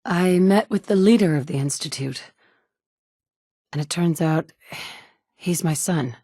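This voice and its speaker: Recorded close up on a studio booth mic with no room sound, a woman voices the player character in a video game: a hard, sardonic wasteland survivor. Her lowish, warm voice moves unhurriedly, dry and blunt, tossing out sarcastic asides.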